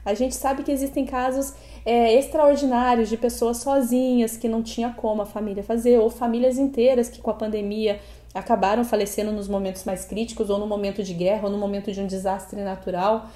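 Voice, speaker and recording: A Brazilian animal protection advocate co-hosts a conversational pet podcast, sounding earnest and reflective as she chooses her words. Her voice is a little high, steady and warm, and she talks briskly. The room is echoey.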